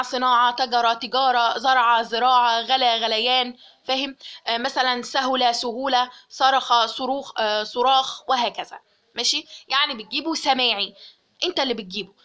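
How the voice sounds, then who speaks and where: A young woman with an Egyptian Arabic accent talks through a grammar lesson at a brisk clip. Her voice sits high and sounds bright. She explains step by step and keeps asking the listener whether they follow. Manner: explains step by step, asks "okay?" often. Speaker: teacher.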